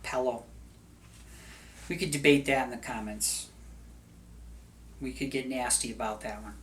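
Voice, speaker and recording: A man's voice: medium pitch, normal speed, fairly bright tone, low-quality recording. Rambling middle-aged man over background noise. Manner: chatty, wandering, with jokey asides. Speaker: video host. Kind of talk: casual rambling monologue.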